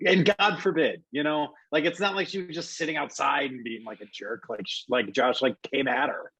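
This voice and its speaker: A man's voice: medium pitch, moderate pace, fairly bright tone, husky, dry recording, lo-fi sound. Exasperated ranting guest man, dry sound. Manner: ranting, exasperated, heavy use of "like" and "dude". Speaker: podcast guest. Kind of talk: casual chat.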